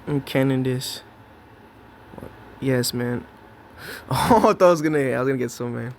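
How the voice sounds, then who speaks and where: Excitable young man narrating his gameplay. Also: medium pitch, moderate pace, gravelly, slight background noise. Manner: excitable, jokey, talks to himself and the opponent. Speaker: gameplay commentator. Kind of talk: live gameplay commentary.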